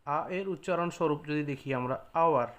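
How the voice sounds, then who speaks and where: A man teaching an English lesson, slowly spelling out letters and example words one at a time. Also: a little high, fairly bright tone. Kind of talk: slow spoken English lesson.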